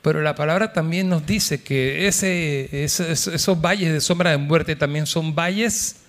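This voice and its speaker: A man's voice: a little high, measured pace, a bit bright. A male pastor preaching a sermon at a church service, calling out to the congregation and acting out the voices of people in the story. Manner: impassioned, calls out to the congregation.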